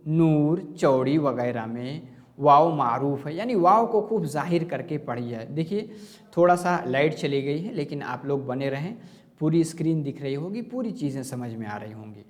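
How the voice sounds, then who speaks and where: Male teacher with a slightly high voice and a slow, deliberate delivery, quizzing and answering himself. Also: in a large hall. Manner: asks questions and answers them himself; slow and repetitive explaining. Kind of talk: online grammar lesson.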